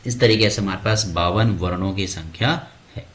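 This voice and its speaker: A man's voice: low voice, normal speed. A man teaching an exam-prep grammar lesson, asking the class questions and answering them himself, often calling the listener "bhai". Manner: addresses students as "bhai".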